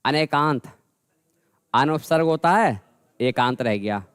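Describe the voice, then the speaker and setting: A man teaching a grammar lesson, repeating words slowly and calling his students "bhai". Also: mid-range voice, animated, clear, resonant tone, no room sound, clean studio sound. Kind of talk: classroom lesson.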